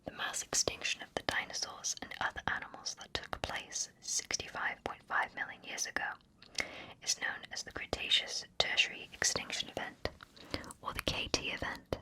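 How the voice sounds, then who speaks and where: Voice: normal speed, bright, forceful tone, low-quality recording. An ASMR narrator whispering scripted facts right up close to the listener's ear throughout. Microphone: close ear-to-ear stereo microphone.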